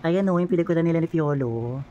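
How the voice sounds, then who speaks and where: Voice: medium pitch, fast, mellow, dull audio, a little hiss or hum. A vlogger with a Filipino accent, chatting through a casual travel vlog, playful and exclaiming, often out of breath.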